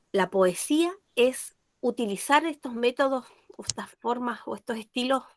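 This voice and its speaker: A woman with a fairly high, somewhat bright voice teaches a language class, patiently questioning her pupils and checking they follow along. It's a dry recording, close-up with no room sound.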